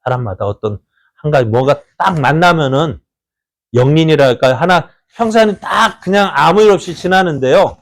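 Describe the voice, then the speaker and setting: A man preaching a sermon as pastor of a church, putting questions to the congregation and answering them himself, and acting out quoted voices with sudden jumps in pitch and loudness.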